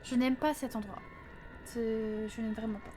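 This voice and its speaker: A woman's voice: a little high, fairly even intonation, unhurried, warm tone, slight background noise. A woman doing casual let's play commentary at a close desk microphone, chatting to viewers and letting out flustered yelps under stress. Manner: chatty, addresses viewers, frequent "hein".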